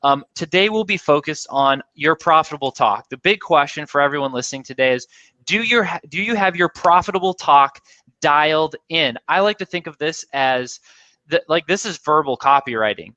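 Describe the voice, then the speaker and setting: A man's voice: fairly high pitch, lively intonation, moderate pace, bright, forceful tone, no room sound, dull audio. A man hosting a casual video interview, enthusiastic and rambling with lots of fillers. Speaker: interview host.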